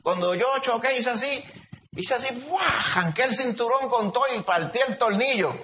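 A man's voice: very high-pitched, expressive, normal speed, background noise, pitched above the performer's own voice. A man voicing another man who boasts, wide-eyed, about breaking free after a car crash. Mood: boastful. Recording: dull lo-fi recording.

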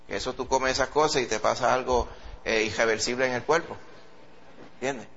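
A man preaching a sermon with a Puerto Rican accent, animated and acting out quoted voices. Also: a little fast, creaky, slight background noise. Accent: Puerto Rican Spanish. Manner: animated, acts out quoted voices in a high pitch. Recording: dull lo-fi sound.

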